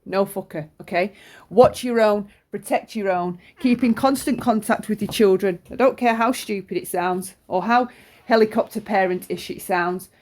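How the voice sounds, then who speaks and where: A middle-aged woman speaks at a medium pitch in an informal monologue. She sounds chesty and congested with flu. Her delivery is blunt and opinionated, peppered with swearing and emphatic repetition. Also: moderate pace, darkish tone. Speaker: true-crime commentator.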